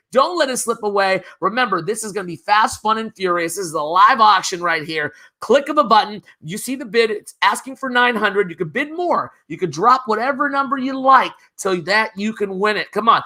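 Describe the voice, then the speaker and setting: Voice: medium pitch, pushed and bright. A charity auctioneer calling a live virtual auction, upbeat and urging bidders on by name. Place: virtual gala broadcast.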